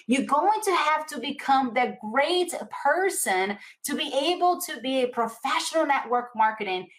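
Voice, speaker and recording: A woman with a Latin American accent giving a motivational coaching talk, speaking emphatically with repeated phrases and rhetorical questions. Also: fairly high pitch. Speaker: network marketing coach.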